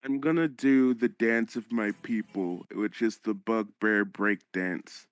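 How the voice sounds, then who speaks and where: A man's voice: on the low side, fairly even intonation, a little slow, smooth, no echo. A man chatting casually as a player improvising in a tabletop role-playing game.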